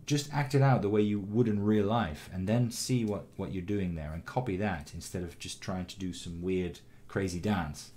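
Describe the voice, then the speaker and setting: A man teaching animation, giving a calm, encouraging critique of a student's shot with frequent ums and restarts. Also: deep voice, normal speed, few pauses, a little hiss or hum. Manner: calm, encouraging, many fillers. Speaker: animation instructor. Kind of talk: recorded critique of student work.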